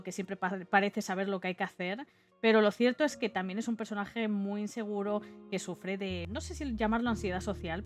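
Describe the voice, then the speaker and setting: A woman with an accent from Spain giving casual video essay commentary in an informal, chatty manner. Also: medium pitch. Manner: informal and chatty, with conversational tag questions. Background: background music.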